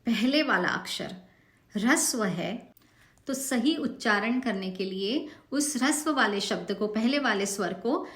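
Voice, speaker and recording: A woman's voice: on the high side, lively intonation, a bit bright, echoey room. A woman teaching careful pronunciation of a devotional hymn in a recorded online lesson, patient and drawing out each example word. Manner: slow, patient, drawn-out example words.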